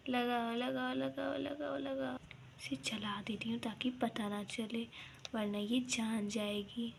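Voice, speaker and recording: A woman's voice: fairly high pitch, gravelly, pushed and bright, a little hiss or hum, full character voice. A woman voicing a scolding, sly older village mother-in-law in a toy doll play, with nagging complaints and mocking chuckles. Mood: scheming hushed.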